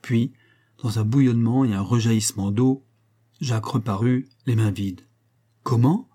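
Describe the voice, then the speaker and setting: Mellow male storyteller. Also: medium pitch, fairly even intonation, moderate pace. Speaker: reader. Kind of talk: scripted narration of a classic tale.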